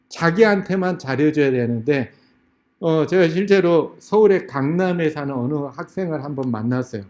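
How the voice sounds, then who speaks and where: A man serving as a lay elder delivers a revival-meeting sermon lecture. He talks in a fairly high voice with a dark, mellow tone. He tells stories in a conversational way and often puts questions to the congregation. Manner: storytelling, acts out dialogues in a raised voice; direct questions to the audience.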